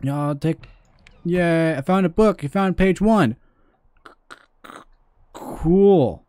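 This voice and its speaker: A man giving excitable, goofy commentary while playing a horror game, swearing and playing with silly words. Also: on the high side, slow pace, clear, resonant tone, no room sound. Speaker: gaming video creator. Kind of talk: comedic horror let's play commentary.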